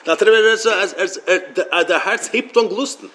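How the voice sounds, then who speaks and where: A man giving a Torah lecture as a religious teacher, halting and often repeating words as he restarts his sentences. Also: high voice, pushed and bright, a little hiss or hum.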